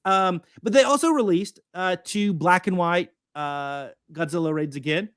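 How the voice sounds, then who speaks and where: A man co-hosting a casual podcast, rambling with many fillers and restarts. His voice sits a touch high, and the sound is close and dry. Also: moderate pace, clear, resonant tone, no echo. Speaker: podcast co-host. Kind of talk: casual chat.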